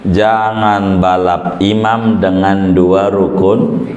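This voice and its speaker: A man teaching a weekly religious law lesson in a lively, joking way, acting out worshippers. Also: low voice, drawn-out words, muffled recording, a little hiss or hum. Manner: lively, jokey, acts out worshippers. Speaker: Islamic teacher. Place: prayer room. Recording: echoey prayer room.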